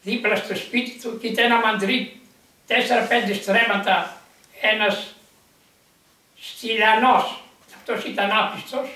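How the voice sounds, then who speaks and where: A monk, a man, telling a miracle tale in an animated, rambling way with lots of quoted dialogue. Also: high-pitched, pauses often. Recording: echoey room from far off.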